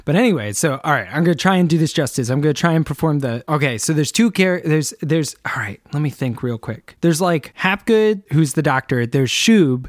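A man co-hosting a casual chat, animated and laughing often as he retells and acts out song lyrics. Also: on the high side, brisk, hardly any pauses, no room sound, clean studio sound. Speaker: podcast co-host.

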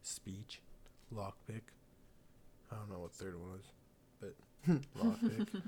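A man's voice: on the low side, huge pitch swings, takes it slowly, mellow, a little hiss or hum. Laid-back rambling young man. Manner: rambling, laughs often, swears casually. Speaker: gaming podcast host. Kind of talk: casual chat.

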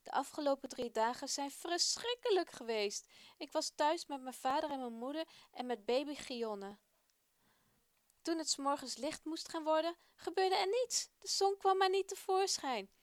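A frightened, awed Egyptian boy in a children's radio story, voiced by a woman. He talks high and loud, in a breathless rush. The voice sounds dry and close. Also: normal speed, no room sound, natural voice.

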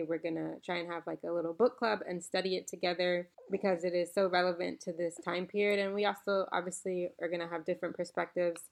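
A Bahamian woman hosts her own podcast from home, recording around her napping children. Her voice sits on the low side with vocal fry, and she speaks earnestly and reflectively in a casual solo chat that includes a quote read aloud.

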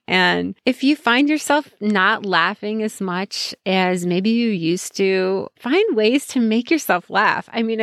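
A woman's voice: mid-range voice, dry recording. A middle-aged woman hosting a motivational podcast, telling stories in an upbeat, chatty way with frequent laughter, close to the mic. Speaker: podcast host. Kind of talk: casual motivational podcast chat.

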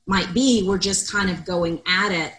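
A middle-aged woman co-hosting a casual podcast discussion. She talks loudly and expressively, with a slightly low voice. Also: unhurried, low-quality recording. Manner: loud, expressive talker. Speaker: podcast co-host.

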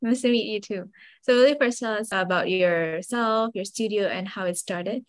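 A woman hosting an interview, polite and measured as she introduces her guest. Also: medium pitch, no room sound. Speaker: interviewer, host.

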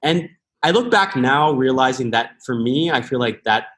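A man's voice: medium pitch, expressive, normal speed, a bit bright. An American man in his thirties, a podcast guest, talking earnestly and thoughtfully, often restarting his sentences. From United States. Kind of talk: reflective interview talk.

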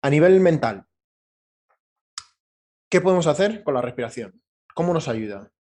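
A man's voice: a little high, lively intonation, normal speed, a little mellow. A man hosting an interview podcast, informally feeling his way through his questions in a conversational style. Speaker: podcast host.

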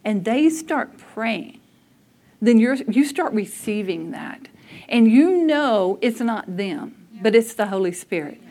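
Brief: woman, conversational sermon, candid storytelling, voice a touch high. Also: lively intonation, takes it slowly, warm tone. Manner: conversational, candid, laughs at herself. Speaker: speaker at a church service. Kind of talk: sermon with personal stories.

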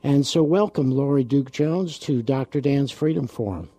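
A man hosting a radio talk show, speaking in a relaxed way with frequent ums and uhs. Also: mid-range voice, normal speed, breathy edge, no echo.

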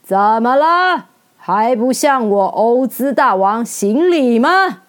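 A woman voicing a majestic, stern giant head who speaks slowly and commandingly in a children's storybook reading. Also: fairly high pitch, animated. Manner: slow, loud, commanding.

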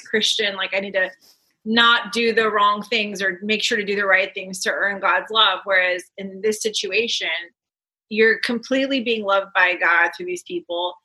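A woman's voice: medium pitch, steady tone, moderate pace, bright, forceful tone, husky, poor audio. A woman hosting a podcast interview, playful, chiming in with jokey asides. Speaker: podcast host. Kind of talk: interview conversation.

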